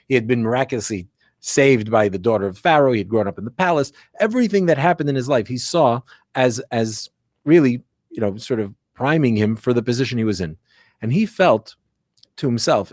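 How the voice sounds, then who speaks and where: A man's voice: medium pitch, darkish tone, no room sound, studio quality. A man speaking as a rabbi, explaining religious teaching conversationally and reflectively, often posing questions and checking in with the listener. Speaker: rabbi giving religious guidance.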